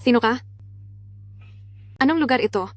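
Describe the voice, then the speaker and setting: A woman's voice: a little high, moderate pace, dry recording, soft background music, close to an everyday voice. A woman dubbing a frightened young female captive who pleads and bargains anxiously. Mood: wary. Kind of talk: Tagalog drama dub.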